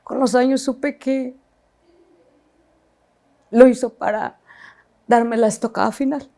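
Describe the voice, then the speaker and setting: A woman recounts her own story as a personal testimony. Her voice sits a little high, with a gravelly fry running through it. She speaks haltingly and reflectively, often pausing and restarting her sentences. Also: fairly even intonation, dark tone.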